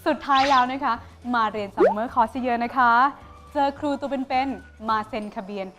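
A young woman with a high, bright pitch teaches an English pronunciation lesson. She sounds cheerful and playful and explains it step by step. Clear music plays under her voice. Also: normal speed. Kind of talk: lively classroom lesson.

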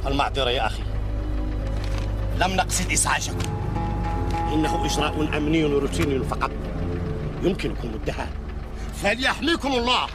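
An actor playing a stern religious checkpoint guard who demands and shouts. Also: male voice, on the high side, sing-song, fairly quick, pauses often, over loud music. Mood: apologetic. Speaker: checkpoint enforcer. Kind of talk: dubbed drama acting.

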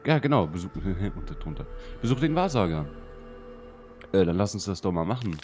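A man's voice: sing-song, a little fast, a little mellow. A man gives casual gaming commentary, often muttering to himself as he plays. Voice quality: deep voice. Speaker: let's play host. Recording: game music behind the voice. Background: video game music.

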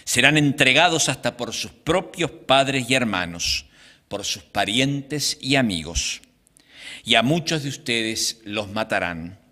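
A man in his sixties, a priest, reading the Gospel and preaching at Mass in a slow, deliberate liturgical manner. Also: medium pitch, expressive, pushed and bright. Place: small chapel, indoors. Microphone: microphone on a stand in front of him. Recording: reverberant chapel sound.

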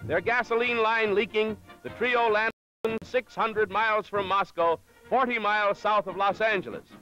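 High-voiced man narrating an old 1930s newsreel. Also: fairly even intonation, moderate pace. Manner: formal announcer delivery. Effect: old 1937 newsreel soundtrack played from archive. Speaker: newsreel announcer. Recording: dull lo-fi 1930s newsreel audio with loud music. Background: loud music.

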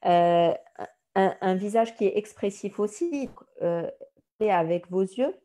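A woman's voice: mid-range voice, expressive, a little slow, warm tone. A woman with a Moroccan French accent teaching an online career workshop, counting off points one by one. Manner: didactic, enumerating points, acts out recruiter lines.

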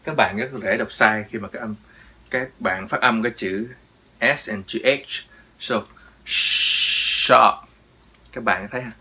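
A man's voice: on the low side, slow pace, pushed and bright, a little hiss or hum. A man teaching English pronunciation in Vietnamese, repeating each word with emphasis. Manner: drills words, repeats them with emphasis. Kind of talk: pronunciation lesson.

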